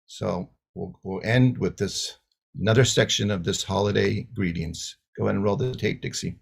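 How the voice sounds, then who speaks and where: A man's voice: fairly low pitch, steady tone, normal speed, creaky, breathy edge. A man giving casual greetings on a live online panel, with fillers as he talks.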